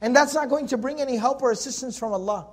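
A man's voice: very high-pitched, quick pace. A man teaching Quran commentary in a lecture, emphatic and conversational, driving his points home with rhetorical questions. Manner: conversational, addresses listeners as folks.

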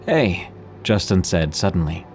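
A man's voice: low-pitched, very animated, measured pace, faint music behind. A man hosting and narrating scripted horror stories with a dramatic storyteller's delivery. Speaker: horror podcast host and narrator.

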